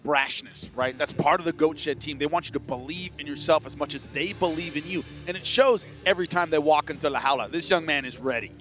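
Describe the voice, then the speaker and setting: A male play-by-play commentator with a high voice calls a live fight. Music is clearly heard behind him. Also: a little fast, hardly any pauses, fairly bright tone.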